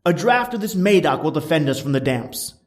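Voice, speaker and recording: A man voicing a cunning, vengeful gentleman who feigns solicitous concern in a gothic horror story. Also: fairly high pitch, sing-song, brisk. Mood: falsely concerned.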